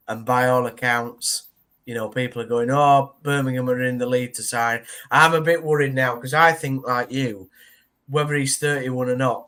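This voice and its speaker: A man's voice: medium pitch, sharp tone. A man hosting a casual football podcast, chatty and teasing, with plenty of ums and uhs. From Yorkshire, England. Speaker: podcast host.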